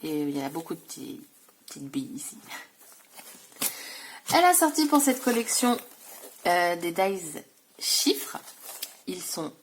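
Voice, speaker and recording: A woman's voice: on the low side, sing-song, moderate pace, pauses often, a little hiss or hum. A woman vlogger showing off scrapbooking supplies in a casual, chatty way, full of fillers and self-corrections. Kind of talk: casual haul video.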